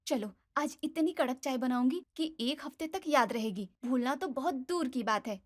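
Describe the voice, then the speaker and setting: A tired, exasperated young daughter-in-law, as a woman puts her on, forever muttering complaints under her breath in a family audio story. Her voice is high and light, pitched above the narrator's own. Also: normal speed. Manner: mutters grumbling asides to herself.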